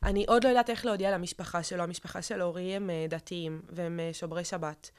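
A woman's voice: fairly low pitch, steady tone, smooth. Young woman telling a painful story. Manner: halting, many fillers and restarts. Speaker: guest. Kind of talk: emotional personal account in an interview.

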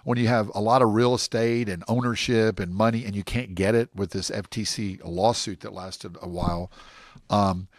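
A man being interviewed, telling stories in an animated, rambling way. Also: on the low side, normal speed, no echo, studio quality. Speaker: guest. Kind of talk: casual interview talk.

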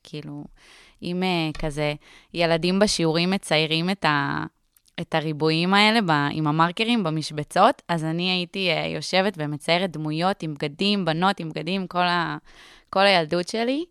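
A woman in her twenties from Israel, a guest in a casual radio-studio interview, telling her story in a relaxed, thoughtful way. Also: sits low, clean tone, no room sound. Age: 20s.

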